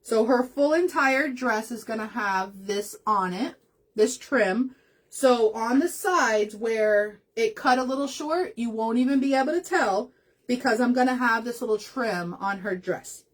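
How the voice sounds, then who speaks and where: A chatty woman runs a craft livestream, talking casually and rambling to her viewers while she works. Her voice is a little high and unhurried, and she easily slips into laughter and emotion.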